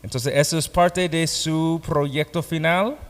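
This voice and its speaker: A pastor who teaches a Bible course explains the course to students in a classroom or hall, speaking Spanish with a foreign accent as a non-native speaker. His fairly high, fairly even voice comes out unhurried and halting, with learner's grammar slips, and the hall's long reverb makes the recording echoey.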